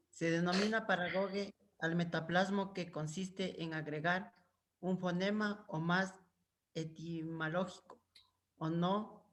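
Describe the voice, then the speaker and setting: A man's voice: fairly high pitch, a bit bright. An Ecuadorian man, a student, reading a definition aloud carefully in an online class. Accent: Ecuadorian Spanish. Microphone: video call.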